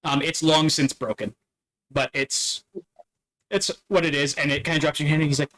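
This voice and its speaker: A man narrating a tabletop game as dungeon master, halting and full of fillers and restarts. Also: fairly high pitch, fairly even intonation, pushed and bright, low-quality recording.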